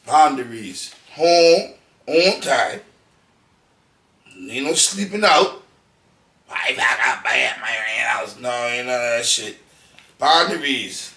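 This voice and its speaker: A man's voice: mid-range voice, expressive, slow pace, long pauses, pushed and bright, distant mic. A man speaking as a podcast guest, telling blunt, profane stories and acting out quotes in casual conversation. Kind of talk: casual interview chat. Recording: echoey room, off-mic.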